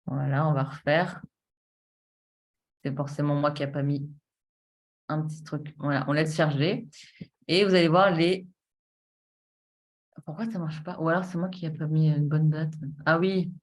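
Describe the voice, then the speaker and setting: A woman's voice: low voice, fairly even intonation, a little slow, pauses often. A woman giving a casual, enthusiastic sales presentation while showing her screen, chatty and full of filler words and restarts. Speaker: presenter of a travel savings platform.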